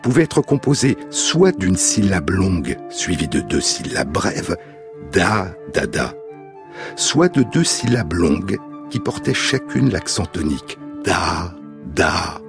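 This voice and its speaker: A man hosting a radio program, reading a scripted essay in a measured, deliberate way. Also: sits low, big pitch swings, creaky, music in the background. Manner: measured, deliberate reading, tapping out verse rhythms in syllables. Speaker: radio host.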